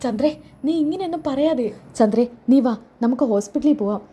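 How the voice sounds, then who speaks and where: A calm middle-aged father talks his wife down in a steady, soothing way, voiced by a woman. The tone is warm and mellow, pitched fairly high. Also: a little fast, slightly rough.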